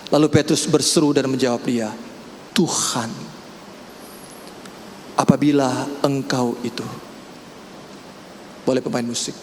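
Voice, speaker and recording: A man preaching a sermon as pastor, breaking into loud, high-pitched exclamations. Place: large church hall. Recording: echoey church hall, faint room noise.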